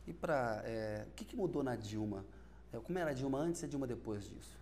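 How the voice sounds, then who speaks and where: A man's voice: medium pitch, expressive, brisk, darkish tone. A man from Belo Horizonte, Brazil, interviewing a guest on television, prompting her and finishing her sentences.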